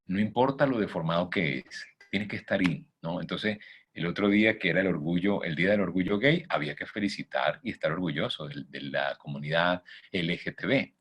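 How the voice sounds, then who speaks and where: Male motivational coach, husky low voice, animated delivery, emphatic rhetorical questions. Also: brisk. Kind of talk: motivational talk with faith content.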